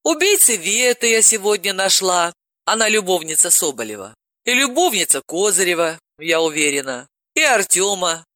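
A woman's voice: fairly low pitch, sing-song, normal speed, fairly bright tone, dry recording. A woman voicing a wry, resilient heroine who speaks matter-of-factly with dry humor in an audiobook.

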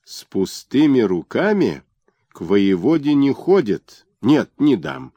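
A man voicing a fat, lazy, greedy provincial governor who talks in a gruff, bullying way. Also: medium pitch, sing-song, slow pace, dark tone, no echo, lo-fi sound, pitched above the performer's own voice. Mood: dismissive.

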